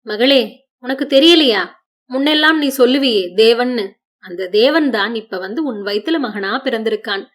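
Woman putting on a gentle old granny, soft, lower, soothing, audiobook. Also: normal speed, natural voice. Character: tender old grandmother, devout and soothing.

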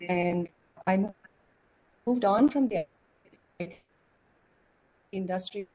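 A woman giving an online lecture in a halting manner. Her voice keeps breaking up over an unstable video call, and she checks whether anyone can hear her. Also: mid-range voice, darkish tone, poor audio. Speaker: guest lecturer. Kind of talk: online webinar talk.

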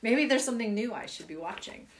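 Giggly woman reading poems, lively pitch. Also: quick pace, slight background noise. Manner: playful, giggly. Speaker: poetry reader. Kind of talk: playful read-aloud of children's poems.

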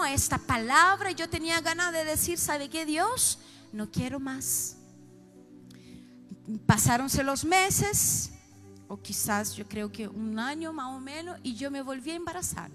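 A high-pitched middle-aged woman with a Chilean accent preaches a personal testimony from the pulpit. She moves between hushed, confiding passages and loud, emotional outbursts. Soft music plays quietly behind her. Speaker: pastor. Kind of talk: sermon testimony.

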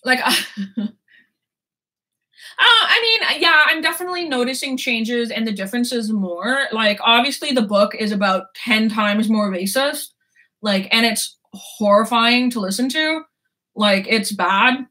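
A woman's voice: fairly high pitch, unhurried, bright, forceful tone. A woman in her twenties chatting casually about books, rambling, laughing and swearing freely. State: sore throat. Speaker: book vlogger. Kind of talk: casual chat.

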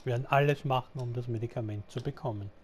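Let's Player, lockerer Mann mit Rauschen. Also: male voice, medium pitch, quick pace. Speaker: let's play commentator. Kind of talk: casual game commentary, answering the characters. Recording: background game noise. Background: game sound.

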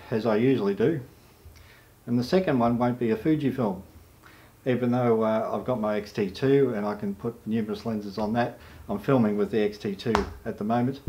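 Aussie photojournalist, middle-aged, easygoing vlogger, rambling delivery with fillers. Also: male voice, medium pitch. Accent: Australian. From Australia. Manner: relaxed and rambling, with many "uh" fillers. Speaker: photojournalist and camera reviewer. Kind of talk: casual vlog talk to camera.

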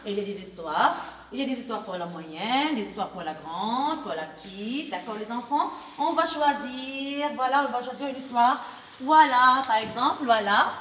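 A woman teaching kindergarten children, speaking slowly and patiently and repeating her questions. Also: on the high side, expressive, a bit bright, a little hiss or hum. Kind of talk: teaching a class of young children. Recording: echoey room recorded from far off.

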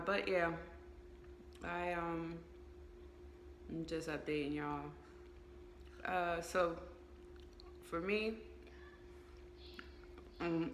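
Slow, candid woman chewing as she talks. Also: sits low, fairly bright tone, echoey room, a little hiss or hum. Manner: slow, candid, hesitant with many fillers; eating and chewing while talking. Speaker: vlogger. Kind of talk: casual update vlog.

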